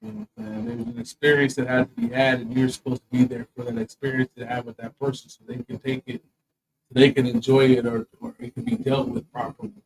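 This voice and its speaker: A man's voice: medium pitch, big pitch swings, fast, gravelly, background noise. A man, a comedian and co-host, in casual chat, telling a personal story with profane, emphatic asides.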